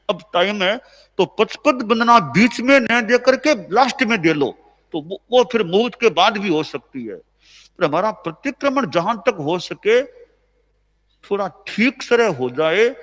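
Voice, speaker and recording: A man with an Indian accent preaches in a plain, conversational way, circling back to the same points as he instructs. His voice sits a little high for a man. The sound carries a long reverb from a large hall. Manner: conversational, repetitive, gently instructive; slow measured chanting of recited verses. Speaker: Jain spiritual teacher. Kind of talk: sermon.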